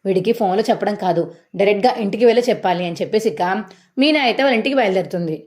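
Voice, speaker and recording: A woman's voice: medium pitch, lively intonation, a little mellow. A woman casually retelling a TV serial episode, acting out the dialogue as she goes. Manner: rapid, acts out dialogue. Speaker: storyteller.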